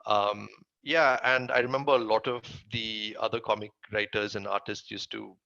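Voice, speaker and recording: A man with a Tamil accent talks casually as an interview guest. His voice sits on the low side with a heavy creak and a forceful edge. The recording is dry and a little dull. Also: flat delivery, normal speed, no echo. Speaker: interview guest, comic writer. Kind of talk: casual interview answers, recounting career.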